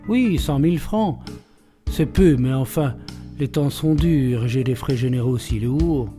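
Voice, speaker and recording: A man's voice: mid-range voice, unhurried, dark tone, soft background music, lightly acted. Man doing Arsène Lupin, suave teasing thief. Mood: mocking. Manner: playful, teasing, self-assured.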